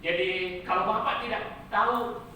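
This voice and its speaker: A man giving a classroom lecture as a religious instructor, animated and repeating phrases for emphasis. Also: high-pitched, moderate pace, slight background noise. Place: training hall. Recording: roomy hall, voice from a distance.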